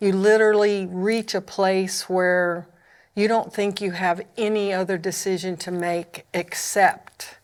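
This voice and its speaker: A woman with an Oklahoma accent, who founded a ministry, shares her personal story as a guest on a podcast panel, speaking earnestly and candidly. Her medium-pitched voice moves little in pitch, keeps a measured pace, and sounds clean.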